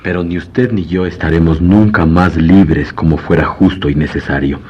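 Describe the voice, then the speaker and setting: A man's voice: sits low, fairly even intonation, normal speed, breathy edge. A man playing a grave, world-weary lawyer in a radio drama, formal and brooding. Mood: grave, troubled. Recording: dull lo-fi radio recording.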